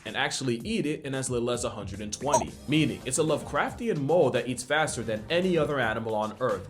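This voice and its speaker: Lively man narrating comedic animal facts. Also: medium pitch. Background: background music.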